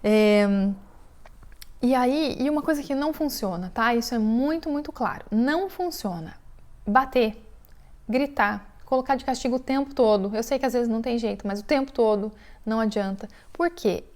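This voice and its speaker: A woman's voice: a little high, normal speed, darkish tone. A young adult woman with a Brazilian Portuguese accent, teaching a parenting lesson in a casual, conversational way and often acting out quotes. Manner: conversational, with frequent tag questions and acted-out quotes. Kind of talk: casual spoken lesson to mothers.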